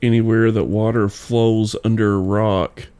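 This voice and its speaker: A man's voice: on the low side, level tone, a little slow, warm tone, smooth. A man co-hosting a casual podcast who chats in an offhand way and throws in jokes. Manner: offhand, joking interjections. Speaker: podcast co-host.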